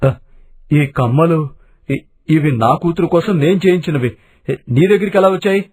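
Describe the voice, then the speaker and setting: A frail old landlord father from an animated storybook, acted by a man, weak and trembling with grief. His voice is husky and a bit high for a man. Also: normal speed. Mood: bewildered.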